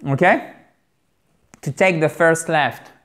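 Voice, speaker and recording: A man teaching a relaxed online lesson, checking in often with a quick "ok?" and repeating key words slowly for drill. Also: on the high side. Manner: frequent "ok?" check-ins. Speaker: English teacher.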